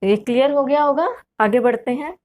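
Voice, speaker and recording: A woman teaching a grammar lesson for exam prep. She asks questions and answers them herself, and she repeats key terms slowly and sounds them out. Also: sits high, darkish tone.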